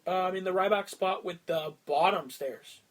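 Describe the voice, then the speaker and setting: High-voiced man casually leading a chat. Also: moderate pace. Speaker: podcast co-host.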